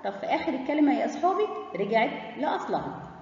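Egyptian teacher sounding out letters slowly. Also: female voice, high-pitched, sing-song, darkish tone. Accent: Egyptian Arabic. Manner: slow, drawn-out sounding of letters and syllables. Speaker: kindergarten Arabic teacher. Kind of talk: children's phonics lesson. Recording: echoey, muffled room from a distance.

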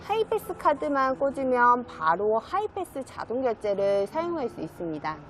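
A woman's voice: high-pitched, very animated, moderate pace, music in the background. A woman used car dealer giving a polished, polite, promotional sales narration as she presents a car.

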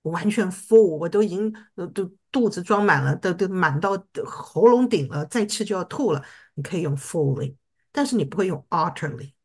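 A woman teaching an English lesson in a low, husky voice. She explains words patiently and keeps checking that her students follow along. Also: lively intonation, normal speed, darkish tone. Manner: patient, checks understanding with repeated questions. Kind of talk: classroom teaching in Mandarin.

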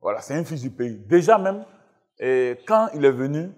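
Male, 35, from Burkina Faso, TV studio guest with a husky, slightly high voice, emphatic and repetitive. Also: big pitch swings, moderate pace, darkish tone. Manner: emphatic, insistent, repeats himself. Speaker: guest footballer. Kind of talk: talk show guest interview. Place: television studio with live audience.

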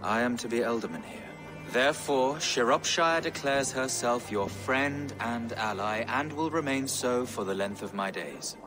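An actor playing a dignified, formal medieval bishop in a game cutscene. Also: male voice, medium pitch, measured pace, close to an everyday voice. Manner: formal, courteous. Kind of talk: video game cutscene acting. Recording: music under dialogue.

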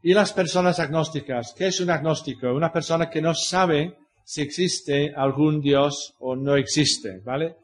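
Pastor type, older man with a British English accent, slightly high voice, explanatory Bible class teacher fond of rhetorical questions. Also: measured pace. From Britain.

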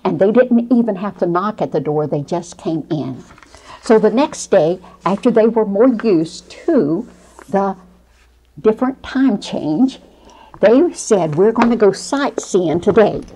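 An older woman telling a children's missionary story with picture boards, in a slow, earnest storyteller's way, recorded on a lapel mic in a small studio. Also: medium pitch, animated, mellow, slightly rough, rough recording. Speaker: Bible storyteller. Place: small studio before a painted cloud backdrop.

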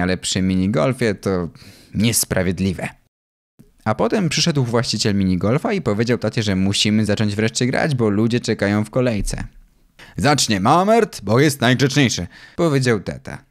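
A man reading a children's audiobook aloud, narrating in first person as a young boy. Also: fairly low pitch. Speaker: audiobook reader.

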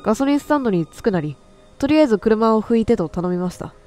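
A fairly high-voiced woman streams a horror game, reading its stories aloud and quipping at herself between lines. She often stumbles and corrects herself, and faint game music plays behind her. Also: animated, fast talker, mellow. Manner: chatty, talks to herself and quips at the text; frequent self-corrections and stumbles while reading.

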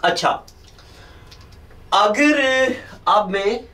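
A male teacher giving a recorded lecture to camera, dictating slowly and repeating points, calling his students "beta". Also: high voice, expressive, bright, forceful tone, recorded from a distance, a little hiss or hum, rough recording. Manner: slow, deliberate dictation with repetition.

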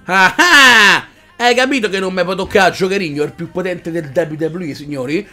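A man doing excited let's-play commentary on a wrestling game, shouting move names and swearing freely. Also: high-pitched, fairly quick, faint music behind. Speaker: gaming YouTuber.

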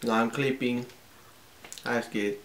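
A man's voice: mid-range voice, steady tone, takes it slowly, a bit bright, a little hiss or hum. A man in his twenties giving short, casual reactions as he eats gross jelly beans in a small room. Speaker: challenge partner. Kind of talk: casual chat.

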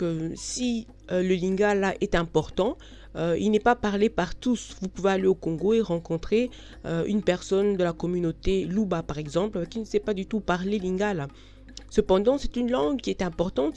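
A woman's voice: medium pitch, mellow. Frank chatty woman. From Belgium. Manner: frank, chatty, many hesitations. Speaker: vlogger. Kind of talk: casual talk to camera.

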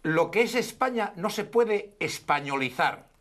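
A man's voice: high voice, animated. A man with a Spanish accent arguing his point emphatically on a TV debate panel. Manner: emphatic, deliberate, forceful. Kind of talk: heated political debate.

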